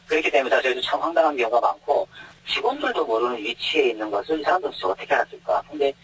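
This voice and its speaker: An anonymous airport security guard, a man whose voice is disguised with deep pitch shifting, explaining things step by step and often starting with hesitant fillers. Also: very animated, racing, a bit bright, a little hiss or hum, poor audio. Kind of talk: anonymous news interview answers. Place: connected to the studio from elsewhere.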